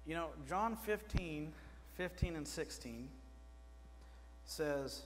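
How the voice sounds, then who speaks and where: A man's voice: fairly high pitch, lively intonation, slow. Man preaching in a reverberant church. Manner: conversational, asks the congregation questions, gestures at a pulpit. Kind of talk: sermon. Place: small church sanctuary. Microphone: pulpit microphone. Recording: reverberant church with faint mains hum.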